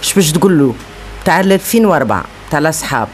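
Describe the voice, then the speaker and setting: A woman's voice: sits low, lively intonation, rapid-fire, over music. A woman with a Tunisian accent interviewing a singer, asking friendly, direct questions.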